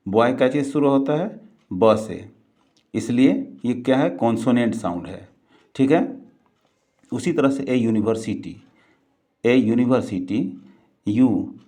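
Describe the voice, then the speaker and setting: A man teaching grammar, asking questions and then answering them himself, repeating words slowly. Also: on the low side, dark tone. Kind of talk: grammar lesson.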